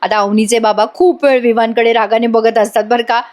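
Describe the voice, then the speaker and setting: Woman, high voice, chatty voice-over recapping a serial to viewers. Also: steady tone, brisk, a little mellow. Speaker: serial reviewer.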